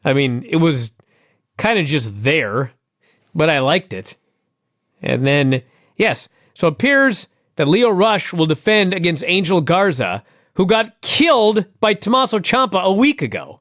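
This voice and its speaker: A man with a slightly higher voice speaks casually, his pitch bouncing around as he jokes wryly and laughs easily. It is recorded dry and close, with no echo. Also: sing-song, a little slow, a bit bright. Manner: laughing, wry, swears casually. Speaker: podcast co-host. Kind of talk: casual wrestling recap chat.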